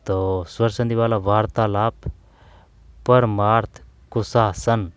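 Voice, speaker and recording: A man teaching an exam-prep grammar lesson, repeating terms slowly and often calling his viewers "brother". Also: lowish voice, flat delivery, clean tone, no echo. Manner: repetitive, drawn-out explaining, addresses viewers as bhai.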